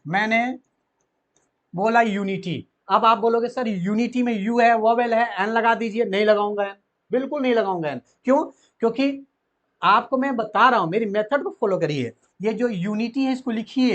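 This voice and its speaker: A man teaching a grammar lesson to children, asking them questions and answering them himself. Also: sits high.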